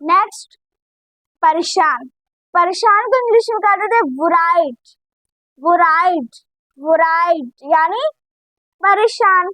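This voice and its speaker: Woman teacher, very high pitch, unhurried word-by-word drilling, dry close sound. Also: bright, forceful tone, no room sound, low-quality recording. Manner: repeats each word slowly, drilling pronunciation. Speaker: English vocabulary teacher. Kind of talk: vocabulary drill lesson.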